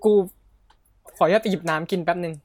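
A young woman co-hosting a casual chat among friends, quick and animated and often laughing. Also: fairly low pitch, over a noisy crowd.

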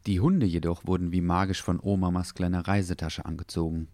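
Calm, low-voiced male storyteller. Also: fairly quick, no echo. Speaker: narrator. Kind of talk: storybook narration.

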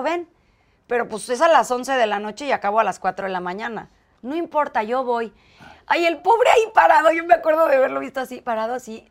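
A woman with a Mexican accent, a guest in an interview, telling a story with lively acted-out dialogue. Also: a little high. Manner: animated, acts out quoted dialogue.

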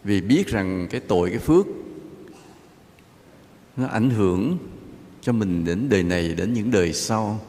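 A man, a Buddhist monk, giving a relaxed, conversational dharma talk with gentle jokes. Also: fairly low pitch. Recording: long hall reverb, faint ambience.

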